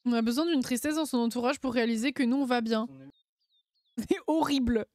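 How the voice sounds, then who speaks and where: A woman's voice: fairly high pitch, a little fast, darkish tone, no echo, clean studio sound. A woman streamer chatting casually and playfully, laughing often and using lots of slang. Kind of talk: casual live-stream chat.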